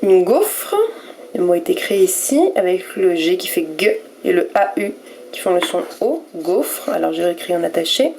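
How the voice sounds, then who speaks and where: A woman teacher giving a recorded reading lesson to young pupils, sounding out each letter and syllable slowly and with care. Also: fairly low pitch, animated, vocal fry, warm tone, a little hiss or hum. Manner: slow and careful, spelling out letters and syllables one by one. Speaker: primary school teacher.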